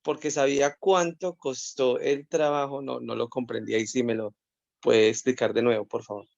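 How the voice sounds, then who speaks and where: A man's voice: medium pitch, fairly even intonation, normal speed, creaky, no echo. A man with a Colombian accent, a course participant, asks hesitantly about a spelling rule, repeating words and apologizing. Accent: Colombian Spanish. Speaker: course participant asking a question. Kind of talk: hesitant question on a video call. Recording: dry, dull video-call audio.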